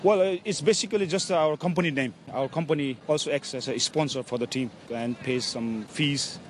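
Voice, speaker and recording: A man from Hong Kong talks about his football club, hesitating often and restarting his sentences. He is recorded outdoors at a pitch, with faint city and traffic sounds behind him. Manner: halting, many fillers and restarts. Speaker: football club team manager. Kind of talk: casual interview.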